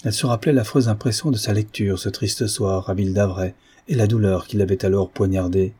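A man reading a classic French novel aloud in a measured, expressive audiobook narration. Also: fairly low pitch, husky.

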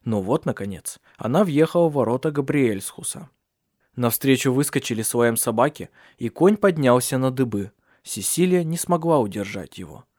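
A man narrating a novel in a calm, even voice of middling pitch. He reads steadily into a close mic. The recording is dry with no room sound. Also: normal speed, no room sound. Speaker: audiobook narrator. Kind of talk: scripted narration.

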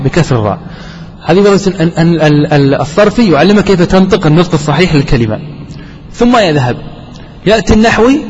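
A man's voice: on the high side, darkish tone, slight background noise. A man teaching a grammar lesson who keeps asking the class questions and answering them himself. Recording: dull recording with long hall reverb.

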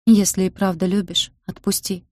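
A woman's voice: medium pitch, flat delivery, moderate pace, darkish tone, no room sound, clean studio sound, natural voice. A woman doing a frightened, pleading young woman. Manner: pleading, trembling.

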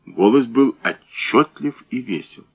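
A man narrating a crime novel audiobook in a measured, dramatic way. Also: mid-range voice, expressive.

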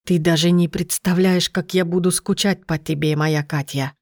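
A woman's voice: on the low side, steady tone, moderate pace, darkish tone, no room sound, clean studio sound, lightly acted. A woman reading the lines of a charming, teasing man friend in an audiobook.

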